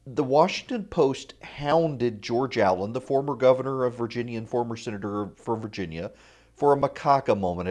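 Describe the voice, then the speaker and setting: A man's voice: on the low side, a little mellow. A man hosting a radio talk show with opinionated, informal commentary and dry asides, speaking on a lav mic in an echoey, untreated room. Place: indoor room at a college without sound paneling. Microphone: lavalier.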